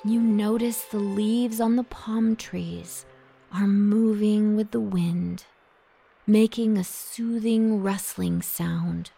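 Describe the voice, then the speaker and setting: Slow, soft-spoken meditation guide woman. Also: mid-range voice, fairly even intonation, vocal fry, husky. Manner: slow, soft, soothing, half-whispered at times. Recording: soft music behind the voice.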